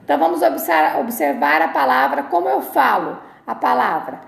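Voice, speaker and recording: A Brazilian woman teacher giving a recorded video lesson for children, explaining words slowly and syllable by syllable. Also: high voice, big pitch swings, vocal fry. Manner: slow, deliberate syllable-by-syllable explanation. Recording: echoey room sound.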